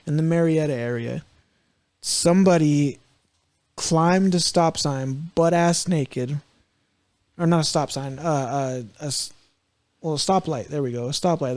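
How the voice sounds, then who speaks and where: Male podcast co-host, higher mellow voice, dry close sound, profane rambling banter. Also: no echo. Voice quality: profane, rambling, laughs often. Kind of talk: casual comedic chat.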